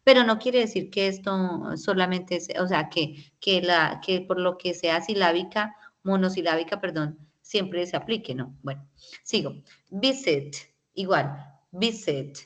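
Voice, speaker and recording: Woman teacher, patient explanations, slightly low voice. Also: normal speed. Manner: patient, explanatory, many tag questions. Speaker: English teacher. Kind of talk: online class explanation.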